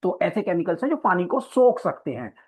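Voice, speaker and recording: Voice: mid-range voice, sing-song, a little fast, husky. A coaching teacher giving an exam-prep biology lecture in a classroom, explaining step by step and often checking in with the students. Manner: mixes English terms into Hindi explanation. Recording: slightly dull lo-fi lecture recording.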